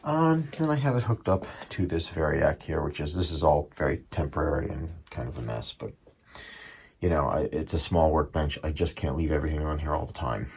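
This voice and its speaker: Demonstrating a repair at a small home bench, a radio-restoration hobbyist narrates plainly in brief, thought-aloud phrases. He speaks in a rumbling low voice, fairly quickly, and the workshop audio is noticeably noisy and full of clicks.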